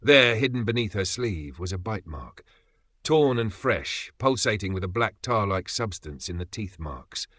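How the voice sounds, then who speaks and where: A man reading a horror story aloud in measured, scripted narration, slowing down on grim moments. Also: on the low side, lively intonation, a bit bright, dry recording, clean studio sound.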